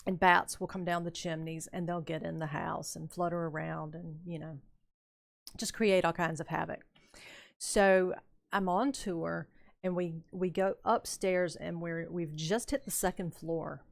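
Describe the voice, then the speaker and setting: A woman's voice: fairly low pitch, fairly even intonation, measured pace, vocal fry. An older woman streamer chatting casually and telling a rambling story while she plays a game, laughing often. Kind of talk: casual chat while playing.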